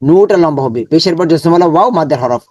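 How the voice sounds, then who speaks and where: With a slightly high, animated voice and a darkish tone, a man teaches Quran reading gradually, sounding out syllables slowly and repeating each many times. He then chants the complete words in extended recitation. The lo-fi recording has no echo.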